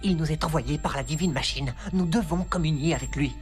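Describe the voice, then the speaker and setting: Woman as low-voiced, fawning zealot schoolboy Templeton. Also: brisk, a little mellow, soft background music, natural voice. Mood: reverent, fawning. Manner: pompous, reverent, obsequious. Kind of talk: cartoon dub acting.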